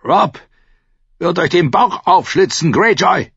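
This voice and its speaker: A young prisoner, bound and bleeding, who hurls insults at his captors in a strained, high-pushed shout. The voice swings wide in pitch, and the dry, dull audiobook recording sits close. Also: animated, takes it slowly, gravelly, husky, no echo, exaggerated voice. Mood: furious defiant. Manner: shouting insults, raw and spitting. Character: bleeding defiant young male captive, furious.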